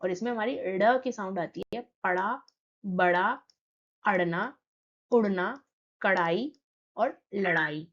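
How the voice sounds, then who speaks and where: A woman teacher explaining a children's lesson patiently, reading poem lines slowly and then talking them through. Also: mid-range voice, fairly bright tone, muffled recording.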